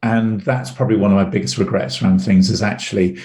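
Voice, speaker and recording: Low-voiced middle-aged man telling stories. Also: fairly even intonation, fast, a little mellow, roomy sound. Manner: rambling anecdotal storyteller, repeats words. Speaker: guest, sales trainer. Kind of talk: casual interview storytelling.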